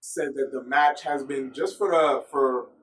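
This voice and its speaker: A man's voice: medium pitch, steady tone, measured pace, fairly bright tone, roomy sound, recorded from a distance, a little hiss or hum. A man talking through football news in a casual, rambling vlog, often correcting himself as he goes. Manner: chatty, rambling, self-correcting. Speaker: football vlogger. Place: filmed at home in the US.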